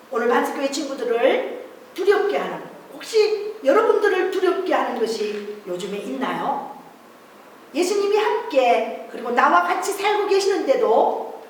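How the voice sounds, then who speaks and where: A woman's voice: high voice, a little hiss or hum. A woman preaching a Bible story to children at a church service, acting out the disciples' cries in a raised voice. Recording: echoey distant church room recording.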